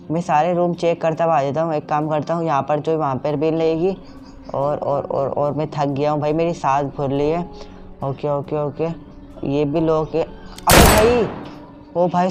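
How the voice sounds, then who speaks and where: A man's voice: a little high, mellow. A young man commenting on a horror game as he plays, jumpy and full of repeated fillers and startled outbursts. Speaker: gameplay streamer. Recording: dull lo-fi sound with game music.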